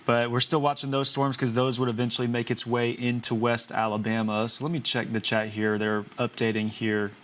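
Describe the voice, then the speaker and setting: Man, weather co-presenter, even intonation, casual storm update, faint background noise. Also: medium pitch, brisk, hardly any pauses.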